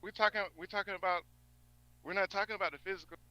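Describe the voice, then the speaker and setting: A man's voice: high-pitched, fairly even intonation, quick pace, muffled recording, crowd noise. A man in a casual argument whose audio glitches and keeps cutting out, so he repeats himself. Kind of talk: casual chat.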